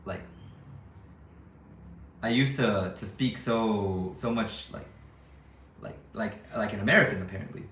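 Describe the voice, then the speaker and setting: In a loose, rambling vlog, a young YouTuber living abroad keeps restarting his sentences and second-guessing himself as he talks to viewers. His lowish, slightly bright voice moves a little slowly with long pauses, in a roomy space with slight background noise.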